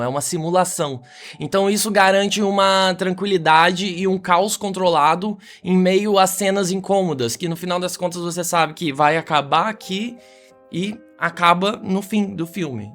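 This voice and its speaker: Brazilian male podcast host, reflective monologue, slightly raised pitch, faint music bed. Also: fairly bright tone. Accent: Brazilian Portuguese.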